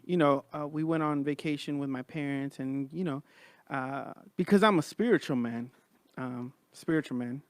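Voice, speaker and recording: A man's voice: fairly high pitch, normal speed, hardly any pauses, no room sound. A man hosting a podcast in a casual, informal chat, talking like he's among his bros. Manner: informal, says man and bro often. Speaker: podcast host.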